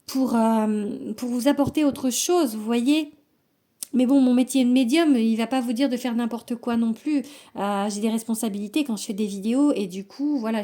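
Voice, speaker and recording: A woman working as a medium, chatting casually to viewers while she reads tarot cards, reassuring them and often pausing with fillers and restarts. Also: a little high, dark tone. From France. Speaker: medium giving a tarot reading. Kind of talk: casual spoken card reading to camera.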